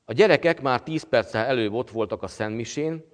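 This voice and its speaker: A man preaching a sermon as pastor, with a halting delivery full of pauses and fillers. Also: mid-range voice, in a large hall. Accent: Hungarian.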